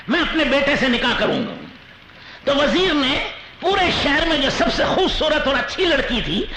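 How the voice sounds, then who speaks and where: A male Islamic preacher telling a story in a sermon, animated, with chuckling asides. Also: very high-pitched. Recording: roomy echo with faint noise.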